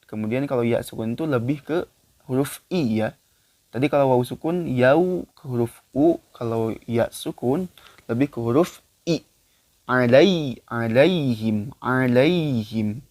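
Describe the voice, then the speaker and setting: A man teaching Quran recitation in a casual spoken lesson. He explains loosely with many fillers, then chants the verses slowly and louder. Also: medium pitch, dry recording.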